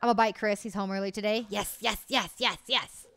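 A woman in her late twenties livestreams from a room at home, chatting with her live chat in a loose, cheerful way and swearing freely. Her medium-pitched voice is steady, brisk, gravelly and fairly bright. She speaks into a desk mic on an arm and a headset.

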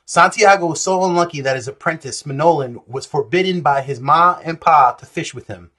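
A man hosts a casual comedic vlog and reads a text aloud with loose, profane humor. His voice sits a touch high for a man and has a husky edge. The delivery is irreverent and chatty. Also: fairly quick, bright, forceful tone. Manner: jokey, irreverent, profane asides. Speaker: comics channel host.

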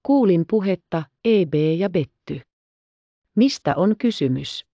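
A woman's voice: on the low side, expressive, mellow, no echo, lo-fi sound. Woman reading as a ranting young frontiersman. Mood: alarmed. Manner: angry, scolding questions.

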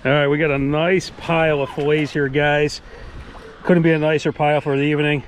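A man's voice: on the high side, level tone, a little fast. A middle-aged man narrating a casual fishing vlog on the beach, upbeat and enthusiastic as he talks to the camera. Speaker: fishing vlogger. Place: sandy beach outdoors by the surf. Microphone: action camera, head-mounted. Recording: action camera outdoors with clear surf noise.

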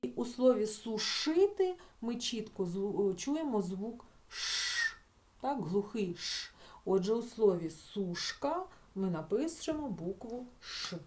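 A woman teacher patiently explaining spelling rules in a recorded lesson for schoolchildren, stretching example words out slowly and checking in with the class. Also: medium pitch, sing-song, a little mellow. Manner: talks the class through with filler sounds and checking "так?".

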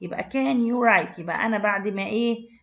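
In lo-fi sound, an online English teacher with an Egyptian Arabic accent speaks briskly at medium pitch with some vocal fry. She questions her students, translates words into Arabic and calls them "my dears."

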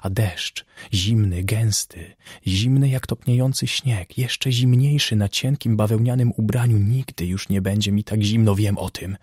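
A man's voice: measured pace, darkish tone, breathy edge, no room sound, clean studio sound. A man reading as a brooding young seaman. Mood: haunted. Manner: sombre, low and brooding. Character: young male ship's officer, bitter and haunted.

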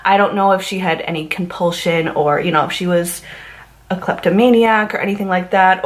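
A young woman from Massachusetts hosts her own true crime video. Her voice sits a little low for a woman. She tells the story in a loose, chatty way, drifting off topic and filling gaps with likes and you knows. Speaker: YouTube true crime host.

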